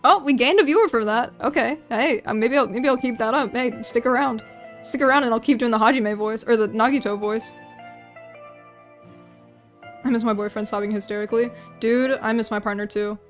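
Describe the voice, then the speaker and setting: A woman's voice: fairly high pitch, a little fast, soft background music. A young woman streaming while she draws, chatting casually with viewers in a rambling, self-deprecating way, full of restarts. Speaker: art streamer. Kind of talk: casual livestream chat while drawing.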